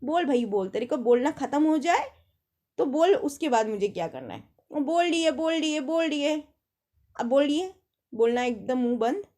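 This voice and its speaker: A woman's voice: high-pitched, sing-song, moderate pace, darkish tone. A young woman telling rambling personal anecdotes in a casual chat, acting out the lines of the people in them. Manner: chatty, rambling anecdotes with mimicked quotes. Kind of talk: casual storytelling monologue.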